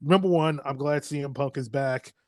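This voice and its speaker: A man's voice: mid-range voice, normal speed, darkish tone, no echo. A man, hosting a casual podcast chat, rambling, laughing often and swearing freely. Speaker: podcast host.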